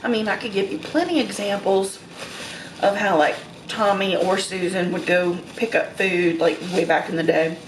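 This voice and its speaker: A woman chatting casually in a mukbang as she eats crunchy fried chicken, pausing between remarks with satisfied mms. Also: medium pitch. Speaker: mukbang vlogger. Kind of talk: casual mukbang chat while eating. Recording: roomy echo, noticeable background noise.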